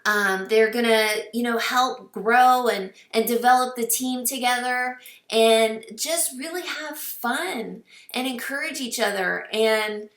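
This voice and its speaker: A woman's voice: fairly high pitch, slow pace, fairly bright tone, reverberant, distant mic. A woman in her thirties or forties, a team coach giving an earnest, encouraging recruiting talk with many fillers, getting teary at times. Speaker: fitness business team coach. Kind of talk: casual recruiting talk to camera.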